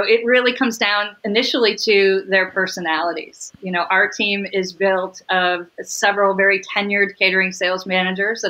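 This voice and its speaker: Bright-voiced woman on a video call. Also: mid-range voice, low-quality recording. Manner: upbeat, quick, laughs easily. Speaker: catering sales executive, guest. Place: home room with windows.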